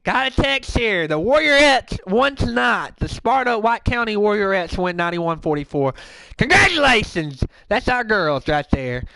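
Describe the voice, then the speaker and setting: A man hosting a comedic call-in radio show, rambling and ranting loudly. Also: high-pitched, very animated, moderate pace, vocal fry, no echo, low-quality recording. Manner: loud rambling ranting, swings into conspiracy rants.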